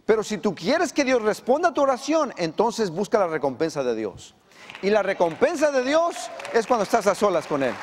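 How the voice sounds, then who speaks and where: A pastor delivering a sermon in a high, ringing voice that carries a long reverb through the church sanctuary. He preaches with animation and pushes his voice upward and louder to stress his points. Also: moderate pace, some chatter behind, slight background noise. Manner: animated preaching, voice climbs for emphasis.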